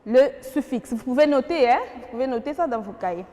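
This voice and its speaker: A woman's voice: high-pitched, lively intonation, fairly quick, warm tone, in a large hall. A woman with a Congolese French accent teaching a primary school grammar lesson, patient and questioning, repeating key words for the class.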